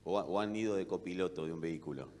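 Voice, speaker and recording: A man preaching a sermon with an Argentine accent, asking rhetorical questions and swinging between loud and soft delivery. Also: low-pitched, fast talker, a little hiss or hum. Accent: Argentine Spanish. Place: church hall. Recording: long reverb of a church hall.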